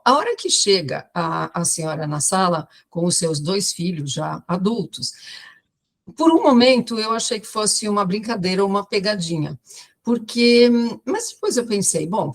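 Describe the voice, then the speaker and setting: Uma fonoaudióloga brasileira de uns setenta anos, contando casos numa entrevista de forma animada e encenando as falas dos outros. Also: female voice, mid-range voice. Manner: lively storyteller, acts out quoted voices. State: tired from talking all day. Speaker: guest speech therapist. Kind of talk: storytelling in a podcast interview.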